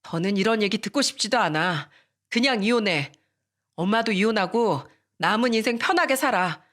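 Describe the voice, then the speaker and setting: A woman's voice: medium pitch, animated, normal speed, fairly bright tone, lightly acted. A woman voicing a curt, disgusted grown daughter. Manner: curt, cold, dismissive.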